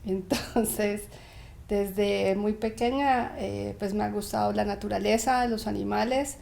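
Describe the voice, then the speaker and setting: Gravelly-voiced woman from Bogotá. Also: medium pitch, steady tone, measured pace. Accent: Bogotá Colombian. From Bogotá, Colombia. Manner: warm, friendly, occasionally laughing. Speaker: interview guest. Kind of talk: conversational interview answers.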